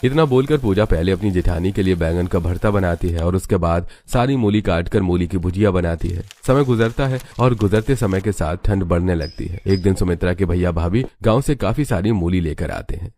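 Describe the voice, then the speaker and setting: A man narrating a cartoon family story in a steady, matter-of-fact way. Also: sits low, brisk, hardly any pauses.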